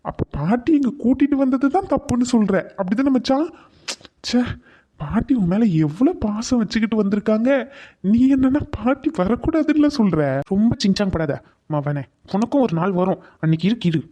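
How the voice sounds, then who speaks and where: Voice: medium pitch, expressive, fairly quick, warm tone, natural voice. A performer voicing a sarcastic young man in a cartoon who teases and threatens his friend. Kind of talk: cartoon voice acting.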